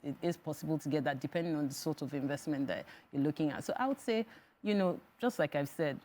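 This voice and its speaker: Low-pitched Nigerian woman giving advice. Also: fast talker, dark tone. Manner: advisory, step-by-step explaining. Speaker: financial firm executive, interview guest. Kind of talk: explanatory studio interview.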